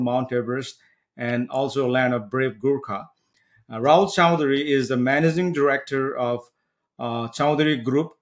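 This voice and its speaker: A man from Nepal, hosting an interview podcast and talking earnestly with frequent fillers. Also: mid-range voice. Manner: earnest, halting with many fillers. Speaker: podcast host.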